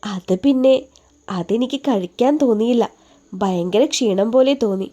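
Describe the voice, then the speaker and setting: A woman's voice: medium pitch, normal speed, mellow, dull audio, lightly acted. A woman voicing a weary, proud young woman. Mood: tired, reluctant.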